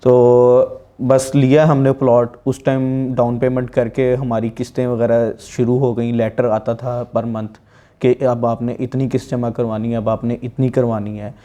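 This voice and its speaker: A man recounts his grievance in careful detail during an interview. His voice is warm and relaxed, at a middling pitch for a man. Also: measured pace. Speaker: interviewee, affected plot buyer. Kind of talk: interview testimony.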